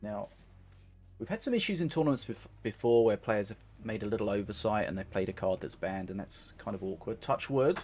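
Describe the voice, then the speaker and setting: A man with a slightly low voice hosting a live online game tournament. He keeps the broadcast moving and ribs his co-casters with a dry sense of humor. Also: lively intonation, a little fast, darkish tone. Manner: dry teasing humor, runs the show. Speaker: tournament host. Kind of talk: live esports commentary.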